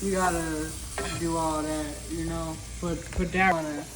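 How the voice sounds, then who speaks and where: Music and the sizzle of frying food fill the noisy background as a livestream host cooks and chats. The medium-pitched voice is unhurried and fairly flat, tossing crude, profane, teasing remarks at viewers with stammered, repeated phrase openings.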